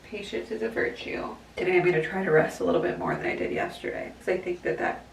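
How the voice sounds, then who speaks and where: A woman's voice: fairly low pitch, fast talker, creaky. A young woman vlogger with a congested nose, talking in a rambling, casual way full of fillers. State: congested nose after surgery. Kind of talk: casual vlog diary. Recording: distant mic with steady background noise.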